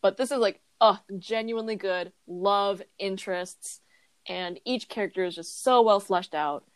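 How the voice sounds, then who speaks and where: Casual woman podcaster, gushing and giggly, mid-pitched, dry mic. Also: normal speed, clear, resonant tone, no echo. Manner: giggly, gushing, lots of fillers. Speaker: podcast co-host. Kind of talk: casual chat.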